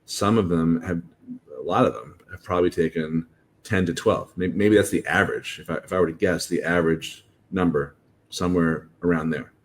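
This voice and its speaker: A man hosting a podcast on college admissions, explaining in a halting, informal way with many restarts. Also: sits low. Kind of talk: casual podcast talk.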